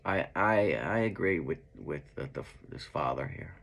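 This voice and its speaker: A young man with a very low, gravelly voice reacts to news footage in loose, chatty commentary. He restarts his sentences and asks his viewers questions. He records in a dark room indoors. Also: animated, measured pace. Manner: conversational, hesitant restarts, talks back to clips. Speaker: true crime commentator.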